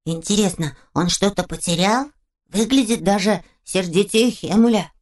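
A woman voicing a small, eager young male troll with a bright, childlike way of talking. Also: medium pitch, moderate pace, lightly acted.

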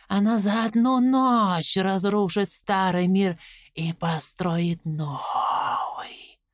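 A woman voicing a dead, whispering old man made of rats, slow and coaxing in an audiobook. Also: medium pitch, dry recording, clean studio sound. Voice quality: breathy whisper. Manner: slow, wheedling, tempting. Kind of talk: audiobook character voice.

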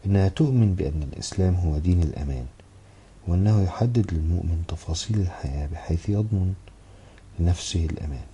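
A man narrating a novel in the first person, with a steady, measured literary reading. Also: low voice, a little hiss or hum. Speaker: audiobook narrator.

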